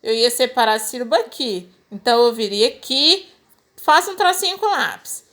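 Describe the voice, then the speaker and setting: Her voice sits on the high side and is a bit bright as this Brazilian woman, speaking with a Brazilian Portuguese accent, teaches children in a recorded remote lesson. At a moderate pace, she explains things patiently and step by step.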